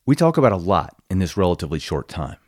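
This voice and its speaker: A man hosting a conversational podcast, speaking in an earnest, measured way as he introduces his guest and asks questions. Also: deep voice, very animated, no room sound, studio quality. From Colorado. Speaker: podcast host. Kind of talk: podcast interview.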